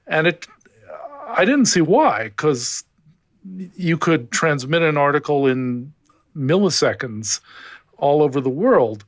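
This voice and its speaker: A man co-hosting a podcast, speaking in a reflective, halting way. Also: fairly high pitch, very animated, dry recording. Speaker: podcast co-host. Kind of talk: casual conversation.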